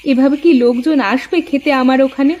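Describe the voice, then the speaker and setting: A woman's voice: sits high, a little fast, darkish tone, muffled recording, lightly acted. A woman voicing a poor young village wife who pleads and weeps in a cartoon story. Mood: worried. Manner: tearful, pleading. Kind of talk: animated cartoon voice acting.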